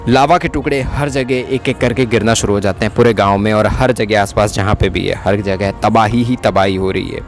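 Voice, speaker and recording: A man narrating a casual, chatty recap of a TV episode, often tacking on quick tag questions. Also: fairly low pitch, steady tone, soft background music. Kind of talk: casual Hindi plot recap.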